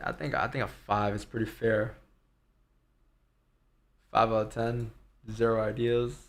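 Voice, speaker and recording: Low-pitched, creaky-voiced man thinking aloud. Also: little pitch movement, measured pace. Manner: informal, rambling, thinking aloud. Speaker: live trading stream host. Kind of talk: casual live market commentary.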